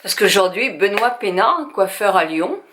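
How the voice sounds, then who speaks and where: A woman's voice: mid-range voice, lively intonation, measured pace, a bit bright. An older woman from France chatting through a makeup tutorial at home, talking straight to her viewers with frequent hesitations. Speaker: beauty vlogger.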